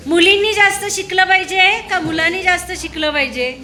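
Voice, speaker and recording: A woman with a high, bright voice questions a room of schoolchildren in casual chat. She coaxes and prods, asking the same thing again until they answer. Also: brisk. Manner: prodding, coaxing with repeated questions.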